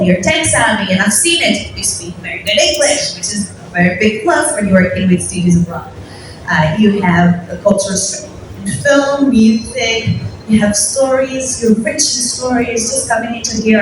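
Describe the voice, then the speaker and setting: A young woman from Morocco giving a casual, self-deprecating conference talk to an audience. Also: mid-range voice. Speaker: conference speaker. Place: large hall at a conference. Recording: echoey hall from far off, noisy.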